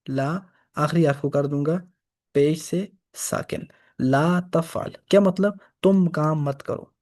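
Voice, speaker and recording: A man's voice: a little high, dark tone. A man teaching Arabic grammar for reading the Quran, patiently repeating each example. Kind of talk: grammar lesson.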